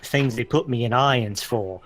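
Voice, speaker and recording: A man's voice: mid-range voice, normal speed, a bit bright, faint music behind, close to an everyday voice. A man voicing a creepy, gold-hungry male pirate who talks in a sly, wheedling way.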